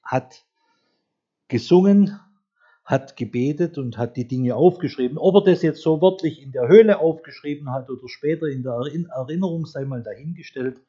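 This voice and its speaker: A man's voice: fairly high pitch, mellow, slightly rough. Man preaching a sermon, dull lo-fi sound. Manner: conversational storytelling, slows down to read scripture. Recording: dull lo-fi recording.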